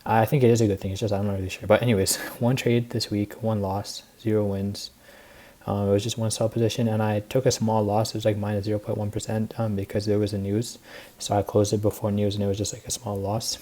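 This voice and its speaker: A man's voice: lowish voice, level tone, fast talker, warm tone. A teenage boy rambling through a casual weekly recap, tired and short of breath, with lots of fillers. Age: teens. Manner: rambling, filler-heavy, laid-back. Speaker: student trader recapping his week.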